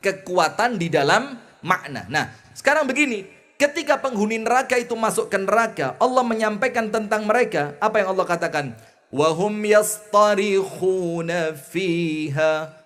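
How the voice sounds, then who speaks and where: A man with a fairly high voice and a Javanese accent gives a lively, folksy sermon. He chants Arabic phrases slowly and then explains them conversationally, and his voice swings between loud emphasis and soft asides. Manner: folksy, mixes in homely jokes. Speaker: Islamic preacher.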